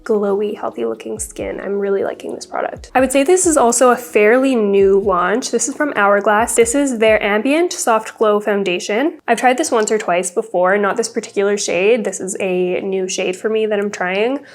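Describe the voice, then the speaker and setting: A young woman beauty vlogger, congested from a cold, chats casually through her makeup routine in a get-ready-with-me video. She is chatty and upbeat, rambling about products in a medium-pitched voice at normal speed with hardly any pauses.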